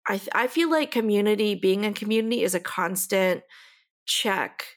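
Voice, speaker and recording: A woman of mid pitch co-hosts a relaxed conversational podcast. She thinks out loud in a reflective, searching way, often pausing and filling gaps with soft hesitations as she works through her ideas. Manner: reflective, hesitant, many fillers like "you know" and "um". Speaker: podcast co-host. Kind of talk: casual chat.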